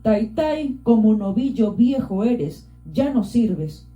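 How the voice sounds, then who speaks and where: A woman's voice: fairly high pitch, lively intonation, slow pace, warm tone. A woman doing a defiant village horn player. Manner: urgent, broken rural speech. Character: defiant male Andean villager horn player, rabble-rousing. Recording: roomy, dull lo-fi.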